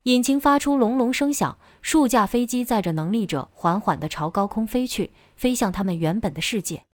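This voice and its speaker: A woman narrating a novel chapter as an audiobook in steady, even storytelling. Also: a little high, normal speed, no echo, clean studio sound.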